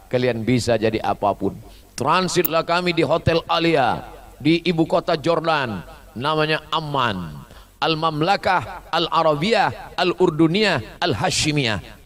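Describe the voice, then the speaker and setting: A man giving a humorous sermon, swinging between loud high bursts and soft low asides as he mimics foreign phrases. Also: lively intonation, moderate pace. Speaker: preacher.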